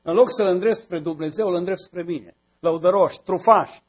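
A man's voice: high-pitched, slightly rough. A man preaching a sermon, building to emphatic repeated phrases.

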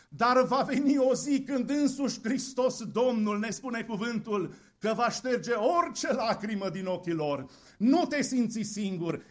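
High-voiced man preaching fervently. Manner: fervent, repetitive preaching cadence. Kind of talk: Easter sermon.

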